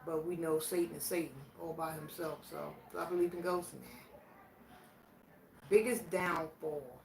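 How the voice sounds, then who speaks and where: This Virginia woman in her sixties has a low, gravelly, slightly mellow voice. She vlogs her way through a question challenge, answering aloud in a plainspoken, slow, reflective manner. The room is echoey, she sounds distant from the mic, and there's faint background noise.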